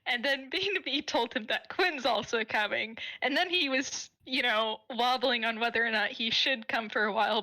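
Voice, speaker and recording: A woman's voice: a little high, pushed and bright, rough recording. A woman playing a tabletop game, often laughing as she describes her character. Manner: laughs through her lines. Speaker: player. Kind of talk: casual tabletop chat.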